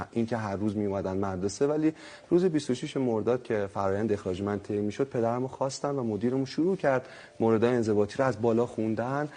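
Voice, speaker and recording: A man, telling his life story casually, lively and self-mocking, often laughing. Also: fairly low pitch. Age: 30s. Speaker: guest.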